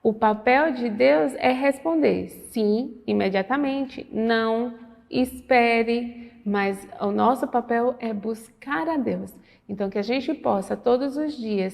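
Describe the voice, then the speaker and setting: Gravelly-voiced woman teaching in an echoing room. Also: fairly high pitch. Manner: animated, re-enacts dialogue, earnest devotional tone. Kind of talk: lesson with personal storytelling.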